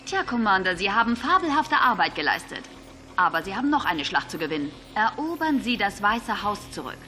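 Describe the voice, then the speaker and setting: A woman's voice: medium pitch, big pitch swings, brisk, pushed and bright, soft background music. An actress playing a confident military intelligence officer in her thirties, giving a scripted briefing in a video game. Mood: confident, urgent.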